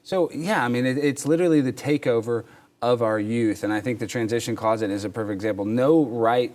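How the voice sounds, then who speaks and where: A man co-hosting a talk show, joking and teasing in an animated way. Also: medium pitch, brisk. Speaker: co-host. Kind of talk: casual political talk show banter.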